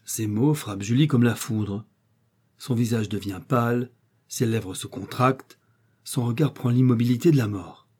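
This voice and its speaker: A man narrating a classic romantic novella in a measured, expressive literary reading. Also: mid-range voice, husky.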